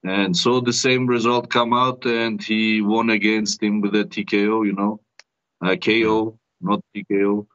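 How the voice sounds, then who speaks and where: A man who is not a native speaker, talking haltingly as a fighter in a casual interview. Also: fairly low pitch, level tone, a bit bright. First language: not English. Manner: halting, repeats tags like "you know". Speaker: MMA fighter being interviewed. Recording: dull, muffled audio.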